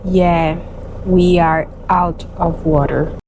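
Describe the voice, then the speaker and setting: Very slow-speaking woman chiming in. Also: fairly low pitch, fairly even intonation, noisy background. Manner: short interjections and light teasing. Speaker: vlogger's wife. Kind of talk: casual chat.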